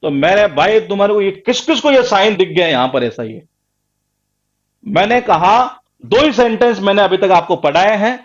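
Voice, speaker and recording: Emphatic high-voiced male grammar teacher. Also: expressive, moderate pace, muffled recording. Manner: emphatic, repetitive, quizzing students. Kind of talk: live online class lecture.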